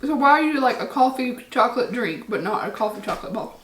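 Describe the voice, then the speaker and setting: A woman's voice: fairly high pitch, expressive, fast talker, reverberant, a little hiss or hum. A woman hosting a snack taste test in casual chat, bubbly and enthusiastic. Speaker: host.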